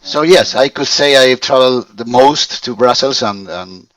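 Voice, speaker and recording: A Spanish man in his fifties, a learner of English, speaking in halting phrases with many restarts as he searches for words. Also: mid-range voice, a bit bright, no room sound, recorded from a distance, low-quality recording. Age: 50s. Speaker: language student. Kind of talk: conversational English lesson.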